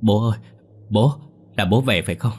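A frightened grown son speaks in a trembling, stammering voice, voiced by a male narrator. The tone is low and husky, halting and shaken in a spoken horror story. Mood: terrified. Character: frightened grown son haunted by dead father.

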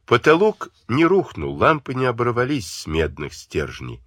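A man's voice: mid-range voice, huge pitch swings, moderate pace, fairly bright tone, no room sound, studio quality. A man narrating a novel as an audiobook in a vivid, dramatic reading.

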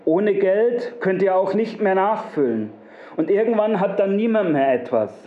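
A man tells a satirical fairy tale in a playful, wordy manner full of repetition. His voice sits fairly high. The recording is lo-fi and muffled, with a roomy echo around it. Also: lively intonation, moderate pace. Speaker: storyteller.

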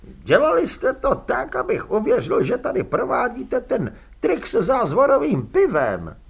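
A man reading an audiobook, voicing a frightened, cowardly male prisoner who pleads in a shrill, desperate voice. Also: wildly swooping pitch, gravelly, slightly rough, exaggerated voice. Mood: accusing.

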